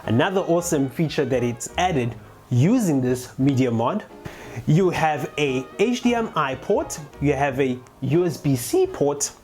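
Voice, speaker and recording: A motovlogger of unclear sex presents a gear tutorial, chatting casually and speaking straight to viewers. The mid-range voice is very animated and a little mellow, moving at a measured pace. Background music plays behind the speech.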